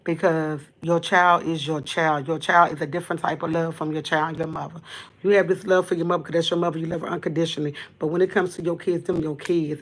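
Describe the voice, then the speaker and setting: Tearful woman in a heartfelt livestream. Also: low voice. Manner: halting, repeats herself, earnest and heartfelt. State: tearful, fighting back crying. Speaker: livestream host. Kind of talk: emotional livestream monologue. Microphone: camera.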